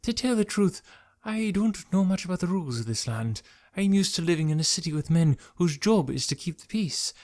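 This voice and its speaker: A man voicing a panicky, indignant young city man in an audiobook, with a high, shrill voice that often shouts. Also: animated, fairly quick. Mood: anxious pleading. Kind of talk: audiobook character voice.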